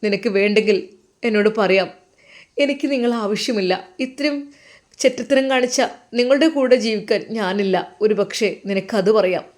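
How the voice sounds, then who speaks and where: A woman voicing a gentle, remorseful young man, speaking softly. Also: medium pitch, normal speed, close to an everyday voice. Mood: tender.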